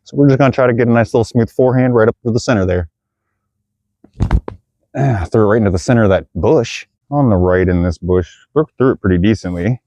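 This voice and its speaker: A man's voice: on the low side, quick pace, dark tone, dry recording. A man vlogging his disc golf round outdoors, chatting casually to viewers as he plays and sounding out of breath on a hilly course. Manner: chatty, addresses viewers as guys. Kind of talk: casual play-by-play narration.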